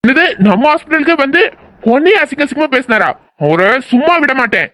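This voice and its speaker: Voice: sits high, big pitch swings, fairly bright tone, dry recording. A performer voicing a headstrong, defiant young male doctor who speaks assertively. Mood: firm. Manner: assertive, quick. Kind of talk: audio drama acting.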